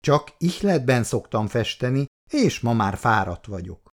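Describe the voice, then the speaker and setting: A man voicing Kuti, a smooth-talking male painter who flatters his buyers and speaks with a pompous air. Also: medium pitch.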